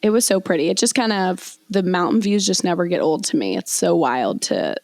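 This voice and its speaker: Woman, 20s, podcast co-host, casual chatty storyteller, low voice, dry sound. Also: a little fast, dry recording. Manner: chatty storyteller, animated with many fillers. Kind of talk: casual chat.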